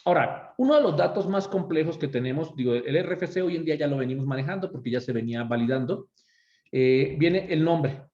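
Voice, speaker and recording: Mexican male instructor, relaxed explanatory delivery, dull roomy recording. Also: a little high, a little fast. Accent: Mexican Spanish. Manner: conversational, checks in with frequent "ok?". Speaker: course instructor. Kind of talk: explanatory tutorial lecture. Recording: echoey room, slightly dull lo-fi sound.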